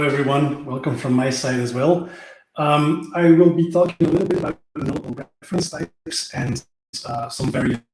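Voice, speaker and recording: Gravelly man on a roomy call line. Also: medium pitch, darkish tone. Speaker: presenter. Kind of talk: live-stream presentation. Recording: roomy, glitchy call audio.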